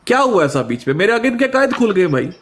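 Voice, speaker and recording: A man recounts his experiences in a relaxed interview, slipping into other people's voices as he retells conversations. A faint hiss sits under the recording. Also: sits high, fast. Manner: animated storytelling, acting out quoted exchanges. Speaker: guest.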